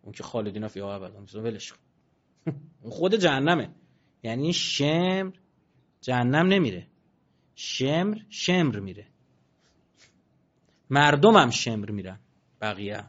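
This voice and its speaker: A man giving a religious talk, slowly reciting verses and swinging from quiet asides to loud, emphatic passages. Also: medium pitch, sing-song, lo-fi sound. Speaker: preacher.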